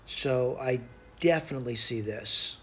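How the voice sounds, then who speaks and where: A man's voice: mid-range voice, measured pace, fairly bright tone. A man giving an informal math lesson, thinking aloud hesitantly as he works through each step and repeats it. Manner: hesitant, self-talking, repeats and spells out steps. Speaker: math tutor. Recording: clear background noise.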